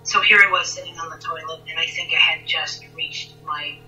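A woman guest recounting a personal story in conversation, halting and intense, often repeating words. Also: low voice, steady tone, bright, forceful tone, recorded from a distance, faint music behind, poor audio.

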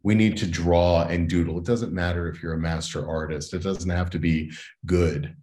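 Here a deep-voiced educator and consultant, a guest in an interview conversation, talks at a normal speed with a steady, darkish tone. Earnest and reflective, he frequently adds "right?".

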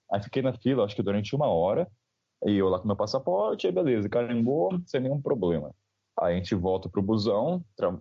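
Fast-talking husky man from Brazil. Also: medium pitch, no room sound. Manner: slangy, animated, with quoted dialogue. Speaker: podcast guest. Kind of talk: casual storytelling. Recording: slightly dull lo-fi sound.

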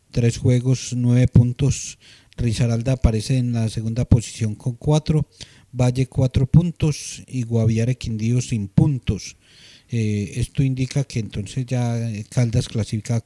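A man co-hosting a sports radio show, talking in a measured way with many "eh" fillers. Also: medium pitch, warm tone, dry recording, studio quality. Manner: measured, fills pauses with "eh".

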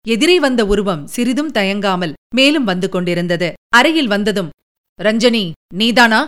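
A woman reading an audiobook in a measured, dramatic narrating manner, with rhetorical questions. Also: medium pitch, lively intonation.

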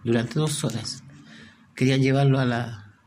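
A man preaching a sermon, telling a story and dropping to a hushed voice at its moving moments. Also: mid-range voice, steady tone, moderate pace, a little hiss or hum.

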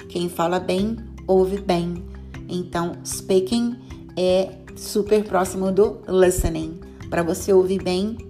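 A Brazilian woman with a Brazilian Portuguese accent, explaining English grammar and pronunciation patiently in a podcast lesson, slowing down for example phrases. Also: medium pitch, darkish tone. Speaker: English teacher.

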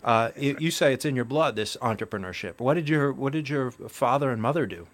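A man's voice: medium pitch, a little fast. A middle-aged man hosting an interview podcast, chatty and self-deprecating, often repeating words as he talks. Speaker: podcast host. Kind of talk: casual interview.

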